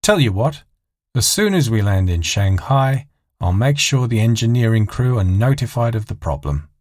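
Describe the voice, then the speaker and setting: A man's voice: medium pitch, sing-song, normal speed, a little mellow, no room sound, studio quality, natural voice. A man voicing a snide flight stewardess in an audio story, with a put-on politeness. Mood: falsely chirpy. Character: snide flight stewardess, falsely chirpy, bitter underneath.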